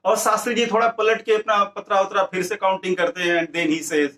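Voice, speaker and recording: A man's voice: sits high, little pitch movement, brisk, fairly bright tone, echoey room. A male teacher explaining a story, switching between Hindi and English as he retells it.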